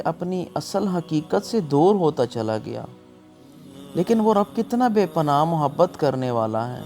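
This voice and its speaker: This scripted sermon comes from a preacher whose voice runs on the high side with a darkish tone. He pleads earnestly and emotionally while music plays behind him.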